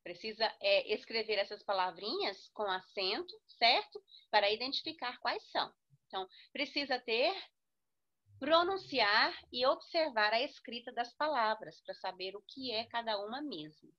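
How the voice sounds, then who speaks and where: Slightly high and animated at normal speed, a woman with a Brazilian Portuguese accent gives an instructive grammar lesson. She emphasizes syllables, spelling them out, and frequently checks in with students, while the recording has its highs cut off.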